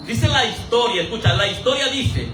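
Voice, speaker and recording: A man preaching an animated sermon in a church, asking the congregation questions and briefly mimicking voices for laughs. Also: very high voice, normal speed, a little hiss or hum. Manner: animated, rhetorical questions, acts out quoted voices for humor. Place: church hall. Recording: roomy echo, voice from a distance.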